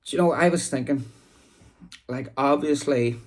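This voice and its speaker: A man's voice: mid-range voice, normal speed. A man with a Belfast, Northern Irish accent giving casual, rambling commentary as a boxing vlog host, talking into a phone. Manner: rambling, informal. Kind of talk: casual chatty commentary to camera.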